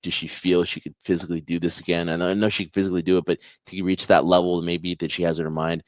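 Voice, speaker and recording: A man co-hosting a podcast, giving earnest, quick opinions in casual chat. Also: low voice, level tone, no echo, studio quality. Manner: earnest, quick, restarts phrases. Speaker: podcast co-host.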